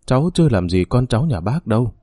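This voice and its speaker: A man's voice: medium pitch, very animated, fast talker, warm tone, breathy edge, no echo, studio quality. A man voicing a spiteful, lying stepmother who denies everything. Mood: defiant denial. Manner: stubborn, denying everything.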